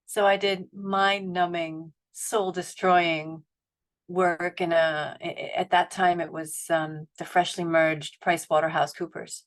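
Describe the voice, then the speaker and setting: A middle-aged woman, a panelist for a family foundation, recounts her career story during a webinar panel via video call from home. Her voice is fairly low, slow and fairly flat in pitch. She's reflective and roundabout, restarting often and using many fillers.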